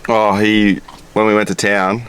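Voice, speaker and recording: Laughing Australian bloke, lowish voice. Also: male voice, little pitch movement, a little slow, a bit bright, slight background noise. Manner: laughing storyteller, swears freely. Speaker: vlogger. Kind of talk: casual chat. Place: outdoors at a campsite.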